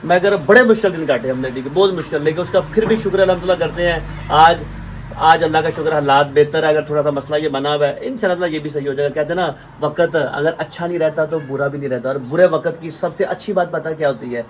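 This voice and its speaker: A man joins the family vlog and talks fast and earnestly, closing his story with advice for viewers. His voice sits a little high for a man. Some faint noise plays behind him. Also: low-quality recording. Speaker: vlogger, husband.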